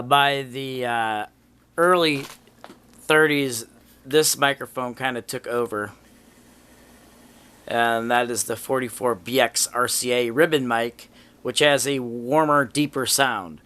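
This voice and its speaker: A man's voice: medium pitch, measured pace, bright, forceful tone, clean tone. A man giving a casual demonstration as a gear hobbyist. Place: cluttered dim home room.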